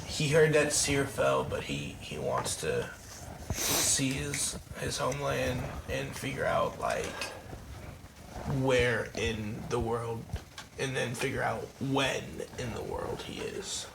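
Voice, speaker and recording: A man playing a tabletop game, speaking in a halting, thoughtful way. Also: mid-range voice, gravelly, roomy sound, recorded from a distance. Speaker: player. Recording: noisy recording.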